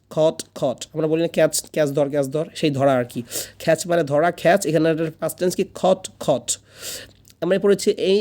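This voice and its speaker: A man teaching an English class, with Bengali as his first language. He is patient and repeats each word slowly so learners can drill it. His voice sits a little high and sounds warm and mellow. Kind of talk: classroom lesson.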